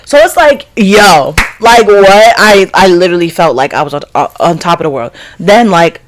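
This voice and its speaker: A young podcast host, telling stories in a casual, excitable way, swearing freely and filling with "like". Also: medium pitch, normal speed. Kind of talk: casual solo storytelling.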